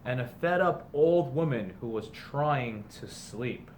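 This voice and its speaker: A man reads a children's book aloud the way a teacher would, blending emphatic, sing-song lines with casual explanations for students. His mid-range voice is animated and slow, and background noise is clearly present.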